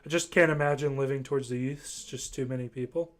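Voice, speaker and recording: A man's voice: mid-range voice, fairly even intonation, fast talker. A young man from Ohio in casual chat, rambling and hesitant, full of fillers. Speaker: voice chat participant.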